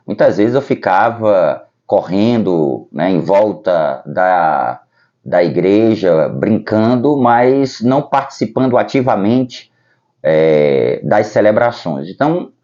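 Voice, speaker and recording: Man, Brazilian accent, priest giving personal testimony, low mellow voice, dull lo-fi sound. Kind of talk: personal vocation testimony to camera. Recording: dull lo-fi recording.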